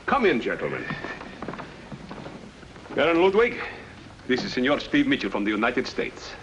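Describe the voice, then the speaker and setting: An actor playing a polite, calm European nobleman in a 1950s radio drama. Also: mid-range voice, normal speed, lo-fi sound, noisy background. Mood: placating. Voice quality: polite, soothing.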